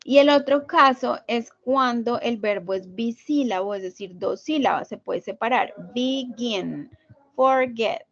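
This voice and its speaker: A woman's voice: fairly high pitch, normal speed, few pauses, dry recording. A woman teaching an English grammar class online, explaining patiently step by step and checking in with her students. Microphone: video call. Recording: lo-fi video call audio.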